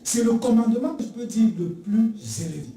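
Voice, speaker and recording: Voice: mid-range voice, lively intonation, a little fast, warm tone, distant mic, slight background noise. A preacher delivering a sermon emphatically, repeating key phrases and acting out little dialogues. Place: church sanctuary. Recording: echoey church recorded from afar.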